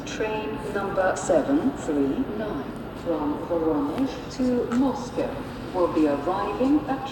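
Woman station announcer over the PA: lively, swinging pitch, echoing from a distant loudspeaker. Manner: measured, rising on the opening call. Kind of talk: formal public announcement. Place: large train station hall. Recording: echoey loudspeaker heard from afar, loud noise. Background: loud station noise.

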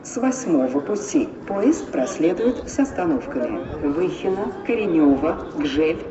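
A woman's voice: lowish voice, sing-song, unhurried, crowd noise. Echoing female station announcer. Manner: formal, scripted, clipped phrase-by-phrase delivery. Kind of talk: public-address train announcement, like an airport announcement. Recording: dull, distant, echoing, noisy station loudspeaker.

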